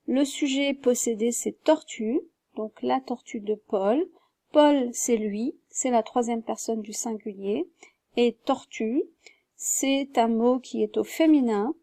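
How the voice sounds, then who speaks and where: A woman's voice: fairly high pitch, a little mellow, no room sound, clean studio sound. A woman teaching a French grammar lesson, patiently explaining step by step and spelling words out.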